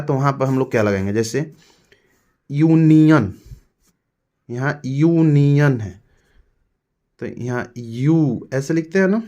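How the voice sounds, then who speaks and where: A man's voice: mid-range voice, darkish tone. Hindi-accented male grammar teacher. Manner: explains step by step, repeating words slowly. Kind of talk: classroom lesson.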